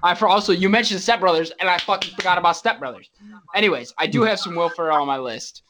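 A man co-hosting a casual podcast, talking in an animated, easygoing way. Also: sits high, quick pace, background noise. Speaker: podcast co-host. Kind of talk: casual chat.

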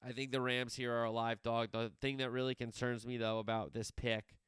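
A man's voice: medium pitch, little pitch movement, a little fast, a bit bright, clean tone, no echo, clean studio sound. A man hosting a solo sports podcast, previewing games in a rambling way, wandering off on tangents and correcting himself as he talks.

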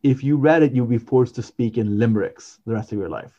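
A man co-hosting a podcast, talking in a loose, rambling way, full of "um" and restarts. His voice is mellow and dark. The recording sounds dull and lo-fi. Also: mid-range voice, brisk. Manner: rambling, with many fillers and restarts. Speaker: podcast co-host. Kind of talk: casual chat.

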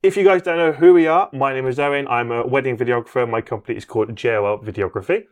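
A man's voice: medium pitch, fast. A young man, co-hosting a wedding podcast in casual, rambling chat. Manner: rambling, restarts, friendly. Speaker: podcast co-host, wedding videographer.

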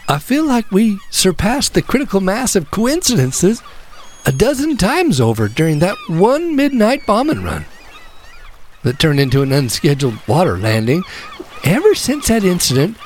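A man's voice: high-pitched, slight background noise, heavily acted. A man voicing a young wartime air gunner who asks earnest, devout questions.

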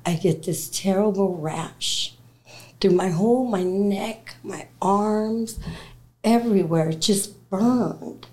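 A woman telling her personal testimony as a guest, animated, acting out the voices of people in her story and laughing as she talks. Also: medium pitch, takes it slowly. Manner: animated, acts out quoted dialogue. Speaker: interview guest.

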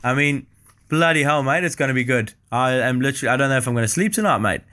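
Blokey, matey man, casual sports fan with a tradesman's turn of phrase. Bright, clean tone. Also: medium pitch, expressive, quick pace. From South Africa.

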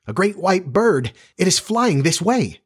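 A man voicing simple, excitable young boys in a storybook, eager and exclaiming. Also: on the high side, moderate pace, breathy edge. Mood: awestruck.

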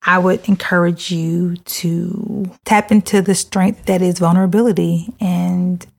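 Earnest woman with a gravelly edge. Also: lowish voice, fairly even intonation, a little slow. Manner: emphatic, repeats key phrases for stress; casual, many fillers like "you know" and "like". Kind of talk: earnest monologue on mental health.

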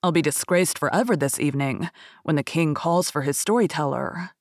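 A woman's voice: sits low, a little fast, dry recording, studio quality. A woman voicing a worried male storyteller in a folk tale. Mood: despairing.

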